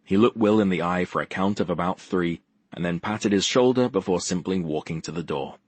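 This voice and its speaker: A man's voice: low voice, a little fast, darkish tone, slightly rough, no echo. A man narrating a first-person audiobook with a wry, dry wit.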